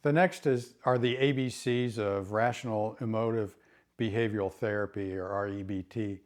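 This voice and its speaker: A man's voice: lowish voice, steady tone, moderate pace, a little mellow. A middle-aged man, a therapist, explaining recovery ideas in an earnest way and often repeating words as he starts a thought. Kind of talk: educational talk to camera.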